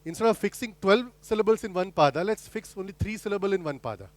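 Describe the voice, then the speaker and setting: A middle-aged man delivers an academic lecture in a fairly high voice. He talks students through a method step by step, posing questions and often restarting his sentences. The recording is dry and close, with little room sound. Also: expressive, fast talker, dry recording. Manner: explanatory, poses rhetorical questions, frequent restarts. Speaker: guest lecturer.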